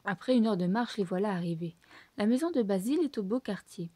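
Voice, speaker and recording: Lively French storybook reader, mellow voice. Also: female voice, medium pitch, fairly quick, no room sound. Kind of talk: reading a children's book aloud.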